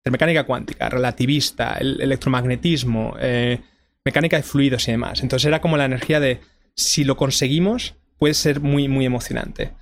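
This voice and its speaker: A man's voice: mid-range voice, a little fast, a little hiss or hum. A young man from Spain with a Madrid accent, a guest explaining science in a casual interview, often restarting his sentences. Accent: Madrid Spanish. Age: young adult. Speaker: guest, fusion physicist.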